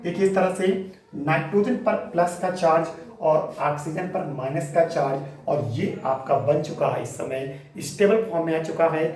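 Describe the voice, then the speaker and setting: A man's voice: fairly high pitch, moderate pace, darkish tone, recorded from a distance. A man teaching chemistry in a classroom lecture, working through a reaction step by step, often asking rhetorical questions and calling students "beta". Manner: explains step by step, calls students 'beta'; checks understanding with rhetorical questions. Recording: echoey room, mic set back, faint ambience.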